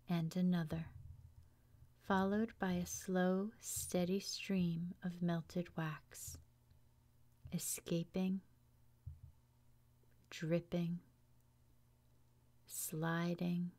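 A woman leading a guided relaxation meditation in a soft, hushed, soothing voice, leaving long pauses between phrases. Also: lowish voice, little pitch movement. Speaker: yoga teacher guiding meditation.

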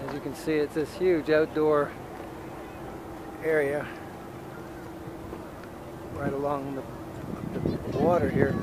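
A travel vlogger casually narrates a walking tour of an outdoor waterfront plaza, filming on a handheld camera with offhand, relaxed commentary. His voice is on the high side, and he speaks slowly with long pauses. The camera mic picks up noisy outdoor audio.

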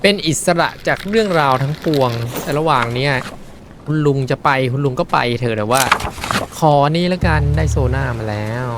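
A man streaming a horror fishing game, chatting and reacting excitedly as he plays. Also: a little high, slight background noise. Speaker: gaming streamer. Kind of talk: live game commentary.

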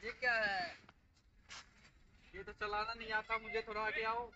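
A young man from India, a vlogger, chats playfully with viewers as he tries out outdoor gym machines in a park, filming on a handheld phone that moves around. His voice is high, pushed and bright, monotone at a measured pace. The audio is dull, with slight background noise.

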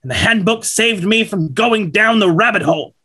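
In a table read held on a video call from his home, a man in his thirties lectures schoolboys as a slick, upbeat corporate rep, earnest and persuasive. His exaggerated voice sits high and sounds bright and forceful with a breathy edge, moving at a moderate pace.

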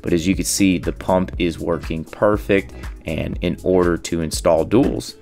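Deep-voiced man narrating a how-to. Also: unhurried, vocal fry. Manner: steady, step-by-step explaining. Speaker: boat installation narrator. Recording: faint music underneath.

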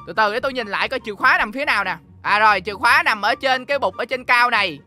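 Fast, excitable Southern Vietnamese gamer man. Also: high-pitched. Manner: excitable, chatty, teasing, talks to viewers. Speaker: gaming YouTuber. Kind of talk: let's-play commentary.

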